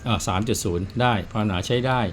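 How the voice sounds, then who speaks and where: A lowish-voiced man talks fast as he repairs watches, chatting plainly and telling stories in a casual explanatory way, with slight background noise.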